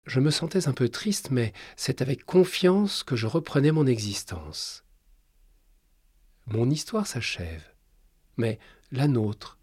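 A man reading a short story aloud as host of a radio reading programme, with an expressive delivery. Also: medium pitch, breathy edge, no echo, studio quality.

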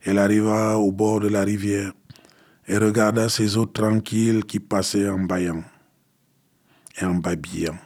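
A man reading a fairy tale aloud in a calm, unhurried way. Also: lowish voice. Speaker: storyteller.

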